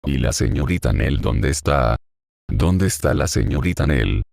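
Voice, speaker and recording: A man's voice: extremely low pitch, lively intonation, a little slow, gravelly, a little mellow, no echo, studio quality, heavily acted. A man reading the part of a loyal young male servant in an audiobook, pleading earnestly with his old master.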